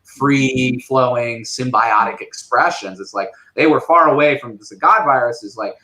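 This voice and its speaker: A man talking as an interview guest on a casual panel show, animated and full of fillers, often mimicking other voices. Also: medium pitch, moderate pace, low-quality recording.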